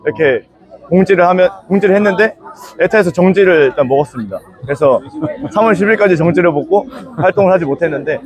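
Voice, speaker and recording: A man's voice: high voice, animated, fast, crowd noise. A young man answering interview questions as a student, choosing his words carefully. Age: young adult. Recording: dull, band-limited interview audio.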